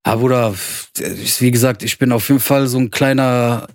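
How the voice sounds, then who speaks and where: A man's voice: medium pitch, steady tone, normal speed, creaky, darkish tone, no room sound, clean studio sound. A man, telling his story casually in colloquial street slang. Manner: colloquial street slang, addresses listeners as brother. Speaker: podcast co-host. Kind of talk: casual chat, personal storytelling.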